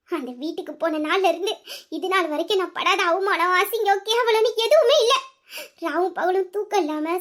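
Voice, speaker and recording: A woman playing a numb, hardened young woman. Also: very high voice. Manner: slow, flat, weary. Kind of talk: Tamil audio story acting.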